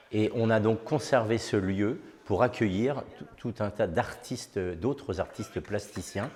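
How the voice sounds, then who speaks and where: A man speaking as a town official in charge of culture, explaining an exhibition at a measured pace with frequent hesitations and restarts. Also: lowish voice, a little mellow. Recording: long reverb with faint music behind.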